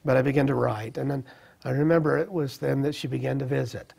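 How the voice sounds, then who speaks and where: A middle-aged man telling a personal testimony in an earnest, reflective way, with halting restarts. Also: medium pitch, steady tone, vocal fry, darkish tone, breathy edge. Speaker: speaker sharing a personal testimony. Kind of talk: personal storytelling.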